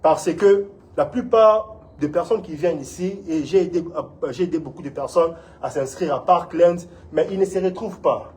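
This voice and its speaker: A Congolese man, an instructor, gives an earnest, encouraging community talk during an interview, often asking "vous voyez?". His voice sits on the high side with a darkish tone, at a moderate pace.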